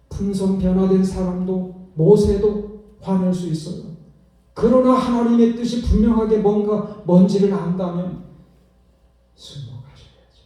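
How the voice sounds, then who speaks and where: Mellow-voiced male pastor in an echoey church. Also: sits high. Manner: asks the congregation rhetorical questions. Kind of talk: sermon. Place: church sanctuary. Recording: echoey church hall, distant mic.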